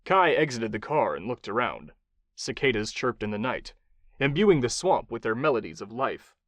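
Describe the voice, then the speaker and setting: A man narrating a thriller audiobook in an expressive, dramatic storytelling style. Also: mid-range voice, moderate pace, no room sound.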